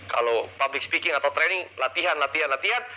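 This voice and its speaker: A man's voice: fairly high pitch, quick pace, bright, forceful tone, muffled recording. A man leading a live public speaking seminar, energetically drilling the audience with call-and-response questions into a handheld mic. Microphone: handheld microphone.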